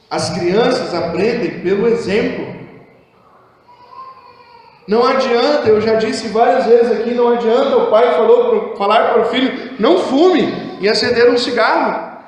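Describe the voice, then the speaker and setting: Preaching at a normal speed, a man with a Brazilian Portuguese accent gives a sermon as pastor, alternating hushed low lines with raised exhortation in an impassioned way. The church hall setting is echoey, with long reverb.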